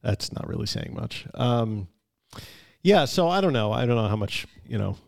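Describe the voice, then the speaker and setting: A man's voice: mid-range voice, sing-song, normal speed, vocal fry. A man co-hosting a recovery podcast, talking casually, reading bits from notes and telling jokes. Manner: conversational, reads notes aloud, tells jokes. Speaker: podcast co-host.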